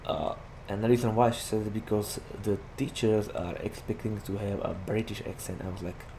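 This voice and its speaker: Poor audio carries a fairly low, steady, mellow male voice moving briskly: a young Slovak gaming YouTuber with a Slovak accent, chatting and rambling about his gameplay with constant "like" fillers. Game vehicle noise plays behind him.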